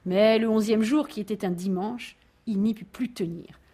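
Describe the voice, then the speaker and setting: A woman reading a children's tale aloud, with expressive, animated narration. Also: mid-range voice, normal speed. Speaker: storyteller.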